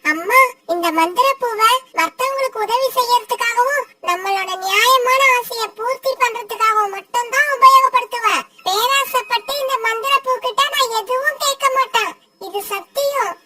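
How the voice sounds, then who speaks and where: A bright little girl sparrow from a cartoon, her voice squeaky high and sweet, as a woman acts her out. Crowd noise hums loudly behind her. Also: moderate pace. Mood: earnest. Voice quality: very high childlike voice. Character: small cheerful girl sparrow. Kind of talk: cartoon voice acting.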